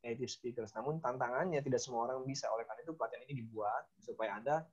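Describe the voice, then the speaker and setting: A man's voice: medium pitch, very fast, a loud crowd. A man working as a coach, earnestly explaining his training program. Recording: dull lo-fi sound.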